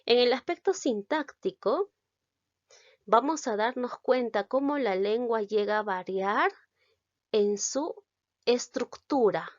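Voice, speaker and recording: A woman from Peru with a Peruvian Spanish accent, teaching a recorded lesson, explaining slowly and carefully and checking in with the listener. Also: a little high, no room sound, lo-fi sound.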